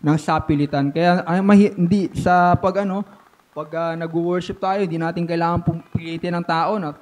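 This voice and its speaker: Pastor, male, high-pitched voice, animated sermon delivery, slips English into his preaching. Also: moderate pace. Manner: animated preaching with sudden swings from loud to hushed.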